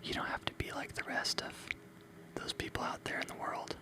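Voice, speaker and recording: The ASMR host whispers slightly quickly, giving breathy, unvoiced encouragement and repeating motivational sayings over and over.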